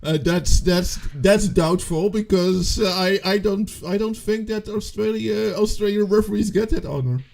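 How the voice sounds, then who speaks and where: A man's voice: sits high, moderate pace, gravelly, few pauses, a little mellow. A man in a casual poker chat who tells simple jokes and stumbles over his words. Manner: hesitant, stumbling delivery. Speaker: poker game regular.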